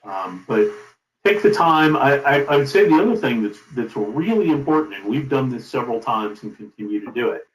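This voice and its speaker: A middle-aged company founder gives advice during an interview, speaking emphatically and deliberately in a conversational style. His mid-range voice has a sing-song quality, and the recording sounds roomy and echoey.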